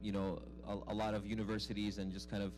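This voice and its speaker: Speaking fast in a lowish, level voice over music, a young Arizona man tells personal stories as a guest speaker at a live public dialogue. He directs youth programs at a mosque, and his informal delivery is self-deprecating, with frequent repeated words.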